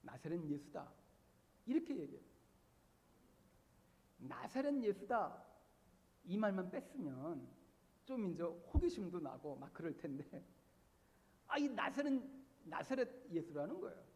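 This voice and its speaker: A man's voice: sits high, very animated, moderate pace, darkish tone. A man preaching a sermon as pastor, emphatic and repeating key words for stress. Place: church sanctuary. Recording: long church-hall reverb.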